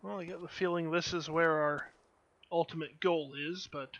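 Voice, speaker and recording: A man hosting a let's play, musing aloud in a low-key, casual game commentary. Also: steady tone, moderate pace, fairly bright tone, dull audio. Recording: clear background noise.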